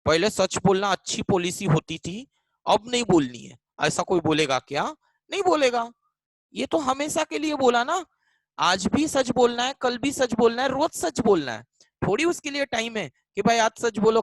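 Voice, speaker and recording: A man's voice: very high-pitched, expressive, moderate pace, no echo, poor audio. A man teaching English grammar in a live online class in Hindi, mixing in English, repeating lines and calling students by name. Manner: switches between Hindi and English mid-sentence.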